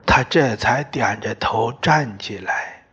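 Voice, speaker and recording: A man narrating a novel as an audiobook, in a slow, deliberate storytelling manner that at times drops to a whisper. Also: medium pitch, sharp tone, breathy edge, lo-fi sound. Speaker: audiobook reader.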